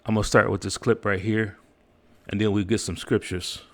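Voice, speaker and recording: Male commentator-preacher, creaky low register, insistent repetition, off-the-cuff delivery. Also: level tone, normal speed. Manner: emphatic, repeats phrases. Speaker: host, religious commentator.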